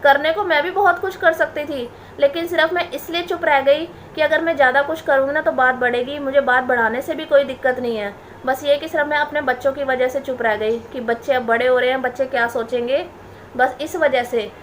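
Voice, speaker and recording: Indignant high-voiced woman vlogger. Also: fairly even intonation, fairly quick, slight background noise. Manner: indignant, defensive, repeating herself. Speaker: family vlogger. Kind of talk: direct-to-camera vlog rant.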